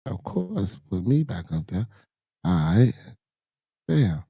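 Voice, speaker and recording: A podcast host with a hoarse, low, dark and mellow voice runs a casual live-stream chat, speaking slowly in a sing-song way. He uses loose slang and mutters to himself while struggling with the screen share. The sound is dry and close, with no echo.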